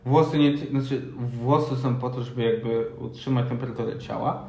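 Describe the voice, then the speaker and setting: A young man with a mid-pitched voice muses aloud in casual chat. He spins half-serious, sarcastic theories in a loose, unhurried way. The room around him echoes. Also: steady tone, gravelly, a little mellow. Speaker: podcast co-host.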